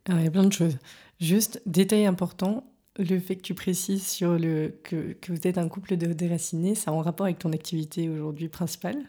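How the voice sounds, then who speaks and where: A woman's voice: lowish voice, steady tone, brisk, dark tone, husky. A woman hosting an interview, asking curious, friendly questions in a casual tone. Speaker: interviewer, host.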